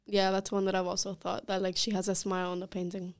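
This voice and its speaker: A woman's voice: medium pitch, little pitch movement, fast talker. Teenage girl, short casual replies. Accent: American. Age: teens. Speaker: student guest. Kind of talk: casual chat.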